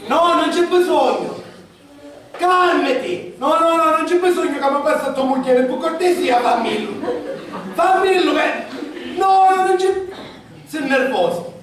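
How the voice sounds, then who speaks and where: A lead actor in an amateur stage comedy, with a Sicilian accent and loud, exasperated comic banter. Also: high-pitched, unhurried. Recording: echoey hall, taped from far off. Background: laughing audience in a large hall.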